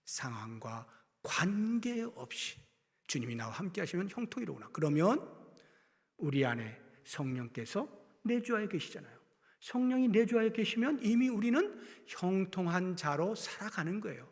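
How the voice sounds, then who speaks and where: A pastor delivers a sermon in a church sanctuary, his voice sitting high for a man. He presses some phrases out loudly and drops others to a near whisper. Long reverb from the hall hangs after his words. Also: very animated, moderate pace. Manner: preaching with big swings from loud emphasis to hushed near-whispers.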